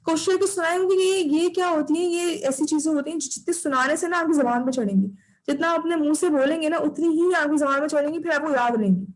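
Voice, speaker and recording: A woman's voice: high voice, fast talker, poor audio. A woman teaching an online class, patiently drilling recitation and repeating her corrections over a video call.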